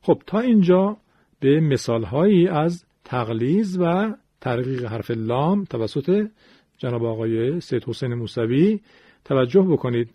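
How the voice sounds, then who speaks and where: Husky-voiced man teaching recitation. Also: mid-range voice, expressive, no echo. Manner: patient explaining, demonstrating pronunciation aloud. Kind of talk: classroom-style lecture. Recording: dull lo-fi recording.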